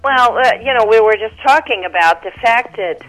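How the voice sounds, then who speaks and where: Radio call-in caller, heard over the phone, animated pitch, halting and filler-heavy. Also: faint music behind. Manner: rambling, halting, with many fillers and restarts. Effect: heard over a phone line.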